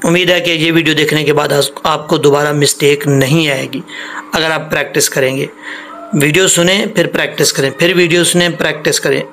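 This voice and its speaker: A man teaches an online recitation lesson, patiently explaining and repeating points while stretching out syllables to show pronunciation. His voice is a little high and fairly bright, with slight background noise.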